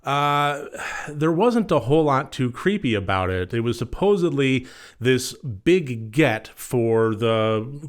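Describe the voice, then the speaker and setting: A man giving a casual, conversational film review in long, rambling, measured sentences. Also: mid-range voice.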